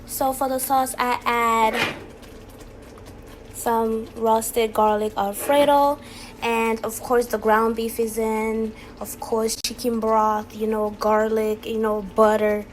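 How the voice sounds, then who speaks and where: Cooking in her kitchen, a woman of Haitian background talks informally to her vlog audience without a script. She speaks slowly in a slightly high, level voice. Noticeable noise fills the home recording.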